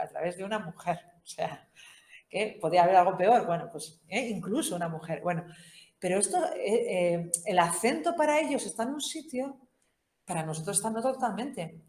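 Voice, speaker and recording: A woman's voice: mid-range voice, a little mellow. Woman from Spain teaching in a roomy space. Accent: Spain Spanish. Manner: conversational and humorous, with frequent tag questions. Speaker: Bible course speaker. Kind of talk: informal teaching talk. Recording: roomy echo.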